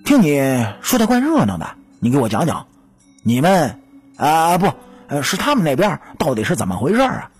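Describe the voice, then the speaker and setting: A woman's voice: sits low, huge pitch swings, normal speed, a little mellow, husky, faint music behind, pitched below the performer's own voice, exaggerated voice. A woman voicing a blunt, curious teenage boy in a storytelling audiobook. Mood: brash curious. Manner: blunt, exclaiming, flustered. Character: brash, curious teenage boy narrator-hero.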